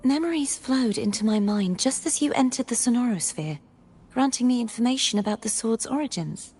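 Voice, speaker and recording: An actress voicing a youthful holy maiden in video game dialogue, speaking softly, earnestly and formally. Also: female voice, on the high side, expressive, fairly quick, breathy edge.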